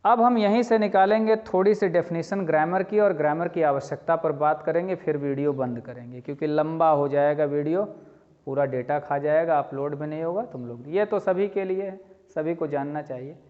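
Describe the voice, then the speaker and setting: A man teaching a lively lesson, explaining with spoken examples and asking his students questions as he goes. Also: on the high side, normal speed. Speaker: English teacher. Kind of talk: classroom-style lecture. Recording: dull lo-fi sound with long reverb.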